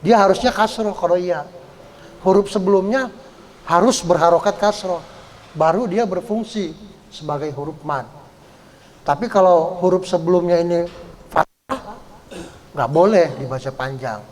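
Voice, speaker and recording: A man teaching Quran reading rules step by step, often tagging his sentences with "ya" and drawing out example words slowly. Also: sits high, a little mellow, a little hiss or hum. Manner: explains step by step, often adds "ya"; draws out example words slowly when chanting them. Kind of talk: Quran recitation lesson. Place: study gathering hall.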